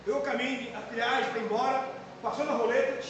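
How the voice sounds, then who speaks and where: A Brazilian man preaching as a pastor, giving an emotional testimony that swings from soft to shouted. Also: very high voice, steady tone, quick pace, highs cut off, a little hiss or hum. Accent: Brazilian Portuguese. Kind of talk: sermon. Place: church hall. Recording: echoey hall.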